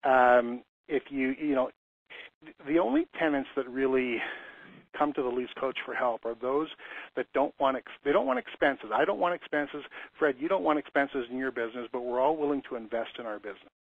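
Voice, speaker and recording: A man in his fifties works as a lease consultant and gives a webinar talk that is earnest, conversational and full of storytelling. He often restarts his sentences and repeats words, speaking a little fast in a mid-range voice. The phone-line audio is tinny but has no echo.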